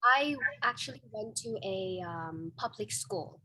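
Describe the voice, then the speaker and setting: In a low-quality but echo-free recording, a young woman from Vietnam talks in Vietnamese-accented English. Her mid-range voice is husky and sharp, animated yet unhurried. As an interview guest she chats openly and casually, often using fillers and starting over.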